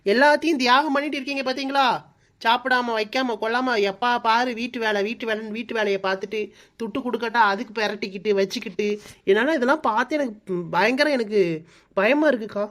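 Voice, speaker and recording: A woman's voice: on the high side, quick pace, a bit bright, close to an everyday voice. A woman voicing a stubborn village daughter in her late twenties in a cartoon, whiny and pleading. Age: 20s. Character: stubborn 29-year-old village daughter avoiding marriage. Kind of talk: cartoon voice-over.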